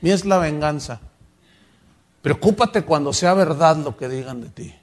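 A man voicing the Lord, speaking to a believer with gentle, patient reassurance. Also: fairly high pitch, normal speed, lightly acted. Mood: calm.

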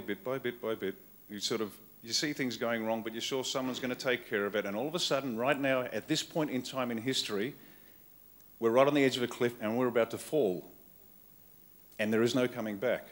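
Speaking a little fast in a mid-range voice, this Australian man gives a political keynote at a conference. His delivery is blunt and wry, built from short, punchy lines, before a live audience in a conference hall.

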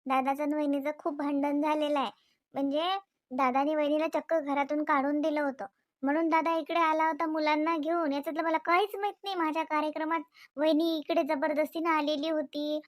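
A woman's voice: sits high, dry recording, clean studio sound. A woman plays a wife in a domestic comedy skit. She complains with worry and pushes her point with heated insistence. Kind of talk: scripted domestic comedy dialogue.

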